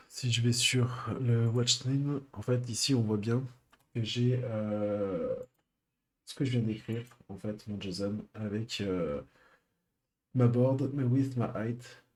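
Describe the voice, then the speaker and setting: A man streaming a live coding session, thinking aloud with many pauses and fillers. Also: on the low side.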